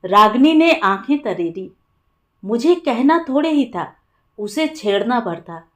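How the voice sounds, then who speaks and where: A woman narrating a short story in a calm, measured storytelling manner. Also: on the high side. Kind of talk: Hindi short story reading.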